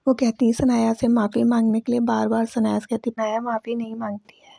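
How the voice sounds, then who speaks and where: A woman's voice: fairly high pitch, level tone, fairly quick, creaky, mellow, no room sound, clean studio sound. A woman chatting through a casual recap of a TV serial episode in voice-over, retelling who said what in a talkative way. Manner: chatty, repeats "she says" and "okay". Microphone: voice-over recorded close to mic.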